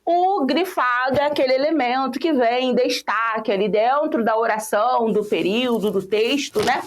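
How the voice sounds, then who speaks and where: A young Brazilian woman teaching an online exam-prep class in a lively, playful way, teasing her students by name. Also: fairly high pitch, moderate pace. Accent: Brazilian Portuguese.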